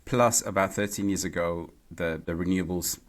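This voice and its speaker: A man from Mexico, a guest in a podcast interview, talking in a halting way and repeating words as he thinks. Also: low voice, fairly even intonation. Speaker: podcast guest, renewable energy CEO. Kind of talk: casual interview conversation. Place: home or office in London.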